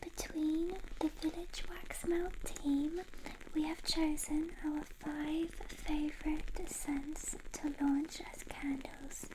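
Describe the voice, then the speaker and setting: A woman in a whispered role-play as a personal shopper, softly and gently presenting products in a breathy whisper. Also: sits high, level tone, slow pace, background noise.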